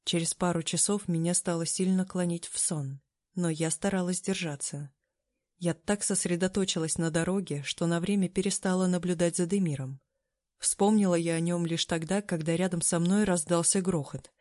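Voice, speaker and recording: A woman reading a novel aloud as first-person scripted narration, in a steady, even storytelling manner. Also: lowish voice, moderate pace, dry recording, studio quality. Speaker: audiobook narrator.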